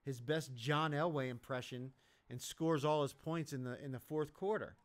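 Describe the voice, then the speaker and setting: A man's voice: a little high, normal speed. A man hosting a live sports betting stream, giving blunt, profane, rambling reactions to the game as it plays. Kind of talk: casual live game commentary.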